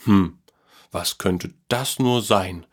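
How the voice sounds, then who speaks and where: A man doing a gentle, tired old grandpa. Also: sits low, takes it slowly, slightly rough, exaggerated voice. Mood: warm, gentle. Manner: gentle, soft, a bit tired.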